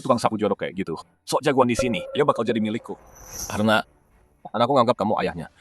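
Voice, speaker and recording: A man's voice: fairly low pitch, lively intonation, quick pace, natural voice. A man voicing a boastful, scornful rich father who looks down on others. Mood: sneering. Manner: sneering, condescending. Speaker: wealthy biological father. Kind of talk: dubbed drama acting.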